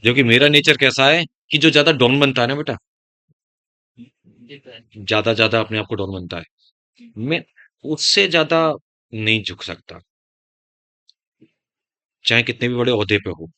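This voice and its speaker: A man's voice: mid-range voice, lively intonation, measured pace, long pauses, pushed and bright, no echo. A man teaching biology to students in a classroom, giving life advice with a heavy, stern-sounding voice. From Uttar Pradesh, India. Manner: speaks of his own heavy, stern-sounding voice; addresses students as beta, digresses into life advice. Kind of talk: classroom lecture.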